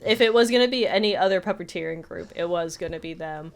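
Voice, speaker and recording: Talking quickly in a low, gravelly voice, a woman co-hosts a podcast and chats casually about film. She rambles and sprinkles "like" throughout.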